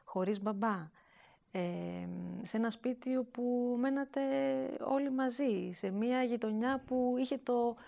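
A woman interviewing her guest, asking gentle and hesitant questions with many pauses. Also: fairly high pitch, gravelly. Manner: soft, hesitant, with many fillers.

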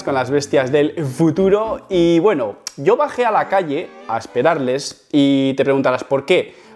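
Chatty YouTuber telling a story. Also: male voice, on the high side. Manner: chatty, animated, self-mocking. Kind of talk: storytelling to camera. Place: home setup facing a camera.

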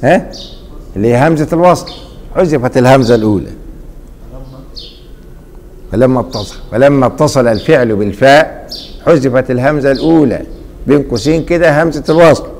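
A middle-aged man with an Egyptian accent teaching a classroom grammar lesson, repeatedly pausing mid-sentence so students fill in the missing word. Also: medium pitch, creaky, a little mellow, slight background noise. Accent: Egyptian Arabic. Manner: quizzing, leaves blanks for students to fill.

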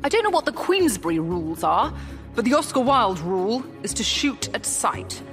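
A woman's voice: a little high, sing-song, normal speed, faint music behind, voice pushed up. A woman voicing a proud, witty male playwright who answers threats with cool, sardonic defiance in a dramatized history podcast. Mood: defiant.

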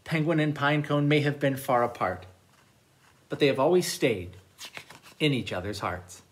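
A man who is a children's librarian, reading picture books aloud at storytime in an animated, expressive voice. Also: medium pitch, normal speed, a little hiss or hum.

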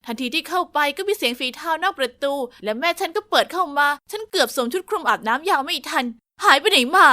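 A woman narrating a first-person story, lively and confiding, speaking straight to the listener. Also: sits high, fast talker, hardly any pauses.

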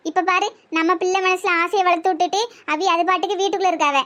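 ஒரு பெண் கார்ட்டூனில் நெல்லை வட்டார வழக்கில், குற்றம் சாட்டிக் கத்தும் கோபமான கிராமத்து அம்மாவுக்குக் குரல் கொடுக்கிறார். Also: female voice, very high voice, fairly even intonation, fast, bright, forceful tone. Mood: angry. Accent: Tirunelveli Tamil. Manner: scolding, accusing. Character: angry village mother, sharp-tongued and loud. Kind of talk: cartoon voice acting.

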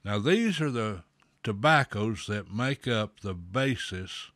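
A man talking slowly with a pipe in his mouth, a folksy host explaining at a measured pace with pauses. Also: fairly low pitch, animated, a bit bright, dry recording, clean studio sound. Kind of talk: slow, deliberate explainer talk.

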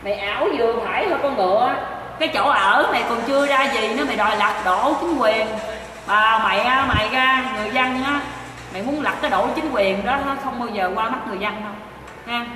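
A woman's voice: fairly high pitch, fast talker. A woman with a Southern Vietnamese accent, hosting a livestream in which she rants heatedly and repeats insults while addressing her viewers. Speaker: livestream host. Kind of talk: angry livestream rant. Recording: echoey hall from far off, noisy.

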